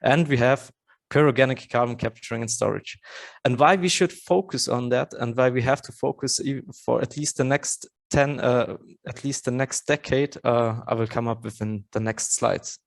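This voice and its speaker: Man, 30s, from Austria, conference talk, earnest, halting with fillers. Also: medium pitch, steady tone, creaky. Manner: earnest, with frequent fillers and restarts. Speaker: conference speaker. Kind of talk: conference presentation.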